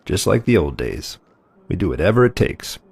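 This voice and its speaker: Man playing a gravelly, wry veteran secret agent. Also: low voice, very animated, normal speed, a little mellow, no room sound, heavily acted. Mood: resolute. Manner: wry, teasing. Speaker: field agent. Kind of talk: scripted dramatic acting in a spy film. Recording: background music under the voice.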